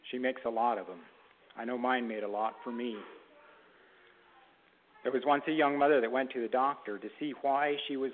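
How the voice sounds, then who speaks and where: A man preaching a Mother's Day sermon in a halting way, with restarts and throat clearing, reading a story to his congregation. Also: mid-range voice, slight background noise. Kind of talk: sermon with a read-aloud story. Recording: tinny phone-like sound.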